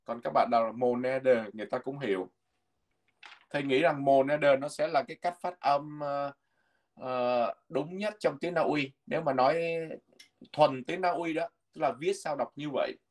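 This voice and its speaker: A man teaching a language lesson from a textbook, patiently repeating words slowly so learners can follow. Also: mid-range voice.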